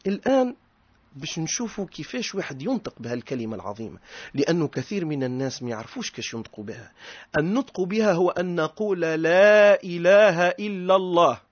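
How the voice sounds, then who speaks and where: A man with a Tunisian accent, a sheikh giving a religious lesson, drawing out key phrases slowly and switching between classical and dialect speech. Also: a little high, big pitch swings, a little mellow, slightly rough, no room sound, muffled recording. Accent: Tunisian Arabic. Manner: slow, emphatic recitation of phrases, mixing classical and dialect.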